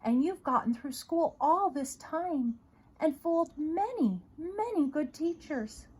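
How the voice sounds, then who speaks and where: A woman voicing a kind, earnest male schoolteacher in a storybook, tender and encouraging, with a husky voice. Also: high-pitched, lively intonation, takes it slowly, a little mellow, voice pushed up.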